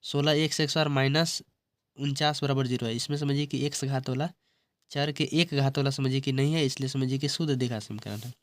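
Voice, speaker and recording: A man gives an exam-prep maths lesson in a middle-pitched voice. He explains in small repeated steps and keeps coaxing the listener along. The sound is dry and close, with no room around it. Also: fairly even intonation, fairly quick, no room sound. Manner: repetitive explaining, often says "see" and "understand". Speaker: teacher.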